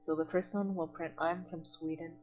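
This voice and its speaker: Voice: mid-range voice, level tone, moderate pace, darkish tone, rough recording. A tutor in an online coding lesson who reads documentation aloud and then explains it plainly, step by step.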